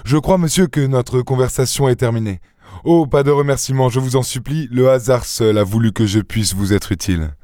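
A man reading an audiobook and voicing a suave gentleman thief with an airy, teasing, self-assured manner. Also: mid-range voice, brisk, dry recording, clean studio sound, pitched above the performer's own voice, lightly acted. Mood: courteous, pleased.

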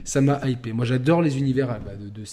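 A man hosting a casual gaming podcast, talking with animated stops and restarts. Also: medium pitch, quick pace, a little hiss or hum. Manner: animated, stumbling restarts, laughing storyteller. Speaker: podcast host.

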